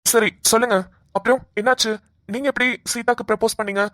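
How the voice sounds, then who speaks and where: A woman's voice: on the high side, fairly even intonation, fast, fairly bright tone, no room sound, studio quality, lightly acted. A woman voicing a blunt, coaxing young male police officer in a cartoon. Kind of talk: cartoon voice acting.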